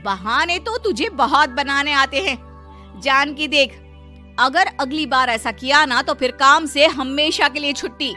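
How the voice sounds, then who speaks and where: A woman's voice: sits high, unhurried, bright, forceful tone, soft background music. A woman voicing a stern rich mistress of the house in a cartoon story, scolding her maid. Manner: scolding, commanding. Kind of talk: Hindi cartoon story dubbing.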